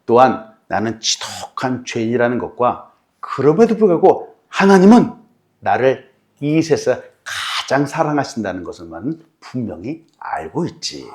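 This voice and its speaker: A pastor playing a humble reformed man in a sermon story, answering in a soft, modest voice. His speech moves in a lively way. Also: medium pitch, normal speed. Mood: earnest. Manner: modest, soft-spoken replies.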